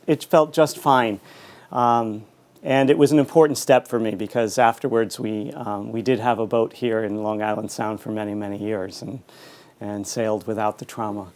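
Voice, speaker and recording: A middle-aged man giving a conversational author talk in a reflective, halting, anecdotal way. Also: medium pitch, a little mellow. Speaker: author and school teacher giving a book talk.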